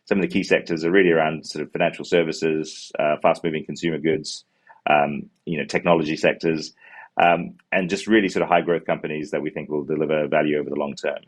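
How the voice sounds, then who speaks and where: This fast, level-toned speaker is a Kiwi-accented fund co-manager in his forties who was born in Sri Lanka and grew up in New Zealand. He takes questions about his fund during a video-call pitch, using earbuds inside an office with glass walls. His explanations are full of ums, uhs, and restarted words.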